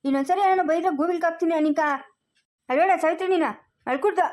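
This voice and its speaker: A woman with a very high voice argues insistently and very fast. She plays a son who defends his wife in an amateur family drama. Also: darkish tone. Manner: insistent, argumentative.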